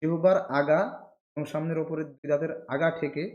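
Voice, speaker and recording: A man teaching Quran pronunciation in Bengali. He speaks patiently, repeats each letter slowly and stretches the sounds while explaining where the tongue and throat should sit. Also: a little high, level tone, lo-fi sound. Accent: Bangladeshi Bengali. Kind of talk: pronunciation lesson with drawn-out letter demonstrations.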